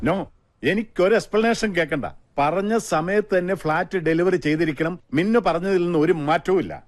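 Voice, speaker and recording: A middle-aged actor playing a stern company boss who speaks in a curt, commanding way. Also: male voice, sits high, brisk, natural voice.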